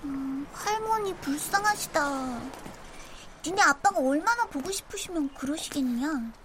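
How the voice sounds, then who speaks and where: A woman voicing a sharp-tongued schoolgirl who teases her father, in a radio drama. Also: high-pitched, expressive, a little slow, slight background noise. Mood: cheeky. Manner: cheeky, teasing.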